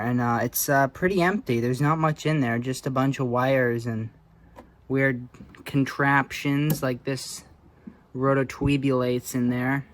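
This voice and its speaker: There's a little hiss or hum behind this medium-pitched male voice. The man is a hobbyist doing a relaxed, unscripted show-and-tell of vintage electronics, musing aloud in a hesitant, offhand manner.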